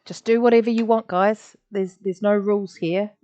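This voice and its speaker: A mellow, steady, medium-pitched voice belongs to an art teacher giving a live online drawing lesson at a moderate pace. She chats encouragingly and makes little sound effects as she draws, recorded on slightly dull lo-fi audio.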